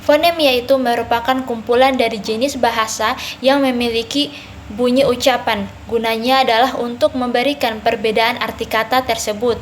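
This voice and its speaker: Young woman student reading her part, highish voice, repeats a bit, faint hiss. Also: steady tone, moderate pace. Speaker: student presenter. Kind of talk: reading a class presentation.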